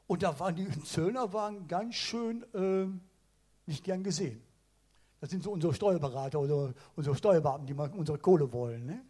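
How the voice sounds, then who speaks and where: A man preaching a casual sermon, retelling stories in colloquial slang. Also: high voice. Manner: colloquial, animated storytelling with slang.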